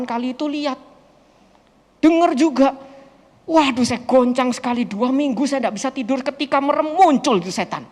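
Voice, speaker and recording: A man, a pastor answering questions from a group and telling a story in a lively, expressive way. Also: extremely high pitch. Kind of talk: animated storytelling talk to a group. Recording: long hall reverb.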